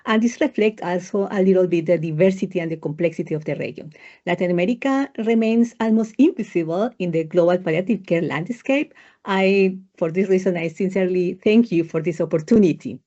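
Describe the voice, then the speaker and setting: A woman's voice: lowish voice, mellow, highs cut off. Colombian-accented woman presenting on a video call. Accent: Colombian Spanish. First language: Spanish. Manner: measured, with hesitant fillers. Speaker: presenting researcher. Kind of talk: academic webinar presentation.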